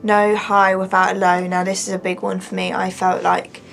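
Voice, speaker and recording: Creaky-voiced young woman in a confessional vlog. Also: mid-range voice, level tone, moderate pace, fairly bright tone, faint music behind. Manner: candid, informal, explanatory asides. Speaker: vlogger. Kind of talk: confessional vlog, reading own diary and commenting.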